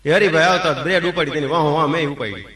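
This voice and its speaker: Man, kathiyawadi accent, deadpan folksy storyteller, roomy hall, slightly off-mic. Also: a little high, fast talker. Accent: Kathiyawadi Gujarati. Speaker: comedian telling a story. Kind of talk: Gujarati folk comedy storytelling. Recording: echoey hall, mic at a distance. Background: audience laughter.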